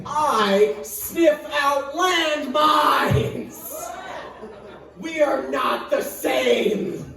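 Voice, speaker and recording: A man voicing an indignant, boastful male rescue dog who rants and shouts with scorn, on a stand-up stage. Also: very high voice, lively intonation, slow, heavily acted. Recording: echoey room from far off. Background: audience laughing.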